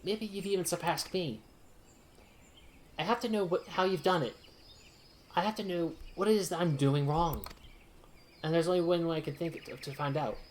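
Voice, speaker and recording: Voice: mid-range voice, normal speed, long pauses, a little hiss or hum, natural voice. A streamer doing an earnest archer, lightly British.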